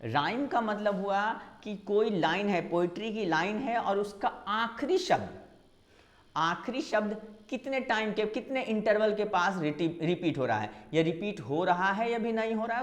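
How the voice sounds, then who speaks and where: महिला टीचर, परीक्षा वाला लेक्चर, हर बात दोहरा दोहरा के समझाती है. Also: female voice, medium pitch, normal speed, echoey room. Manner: explains step by step, repeating key terms; mixes in English terms. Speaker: English literature teacher. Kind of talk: exam-prep lecture.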